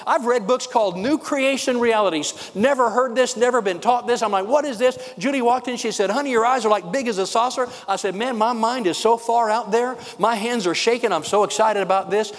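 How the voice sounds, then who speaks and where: Excited older man preaching a sermon. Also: sits high, long reverb tail. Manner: excited, fast, emphatic preaching. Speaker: pastor.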